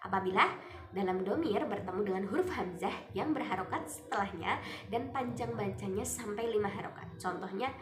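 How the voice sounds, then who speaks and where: A woman, a student, explaining recitation rules step by step and drawing out the example words slowly. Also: medium pitch. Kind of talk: recited tajwid lesson with Quran examples. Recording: echoey room, faint music behind.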